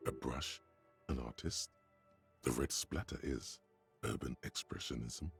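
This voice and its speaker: An actor voicing a game's male narrator, deep and gravelly, with a husky, wry, ominous delivery over faint music. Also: a little slow, exaggerated voice. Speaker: game narrator.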